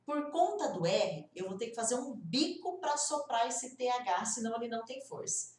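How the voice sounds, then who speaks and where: A woman, a native Portuguese speaker, teaching English pronunciation and demonstrating each sound slowly. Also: a little high, expressive, a little mellow, reverberant, recorded from a distance. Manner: demonstrative, drawn-out sound examples. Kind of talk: pronunciation lesson.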